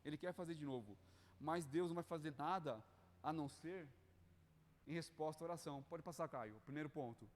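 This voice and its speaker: Fervent Brazilian preacher in a reverberant hall. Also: male voice, fairly high pitch, brisk, a little hiss or hum. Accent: Brazilian Portuguese. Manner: fervent, pleading, adds "né?" and "queridos" often. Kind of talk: sermon to church leaders. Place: church hall.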